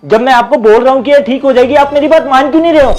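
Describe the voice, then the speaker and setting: A man's voice: extremely high pitch, rapid-fire, a little mellow, low-quality recording. A man playing a proud, touchy fake family doctor who indignantly lectures about trust and honour. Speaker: actor in a web drama. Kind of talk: dramatic dialogue.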